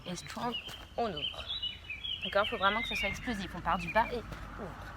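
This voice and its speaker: A woman's voice: medium pitch, normal speed. A woman teaching a dance routine, counting beats aloud and giving short step cues. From France. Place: dance studio. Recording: loud background noise.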